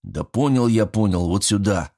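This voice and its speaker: A man voicing a big, slow-witted young man who mumbles in confusion. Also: lowish voice, mellow. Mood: confused. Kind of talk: audiobook character voice.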